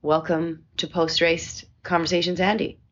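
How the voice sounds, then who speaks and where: A woman's voice: on the low side, little pitch movement, moderate pace, highs cut off. A woman hosting a casual post-race chat, rambling a little, recorded on a phone in a hotel room. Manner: rambling, with many restarts and fillers. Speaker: podcast host.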